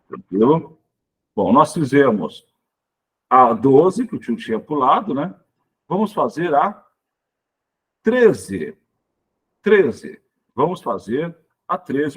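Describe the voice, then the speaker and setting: Male teacher, husky voice with lively pitch swings, stresses each example word and keeps checking in with students. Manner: explains step by step, checks in with "tá?" and "certinho?". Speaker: Portuguese teacher. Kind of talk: exam prep lesson.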